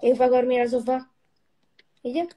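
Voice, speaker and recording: A young woman telling a story in a lively, casual way on a livestream, with easy slang and swearing. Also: high voice, normal speed. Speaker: livestream co-host.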